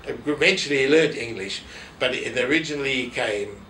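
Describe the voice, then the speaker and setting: This is an elderly South African interviewee, of Polish family descent and formerly an office holder in a synagogue, reminiscing through anecdotes and re-enacting others' remarks. He talks at a normal speed in a mid-range voice with a sharp tone. Faint noise sits behind him, and the distant mic picks up plenty of room echo.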